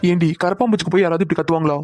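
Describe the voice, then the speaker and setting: A woman's voice: fairly low pitch, rapid-fire, music in the background, lightly acted. A woman doing a teasing young male boss. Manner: playful, teasing, bossy. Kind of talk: cartoon voice acting.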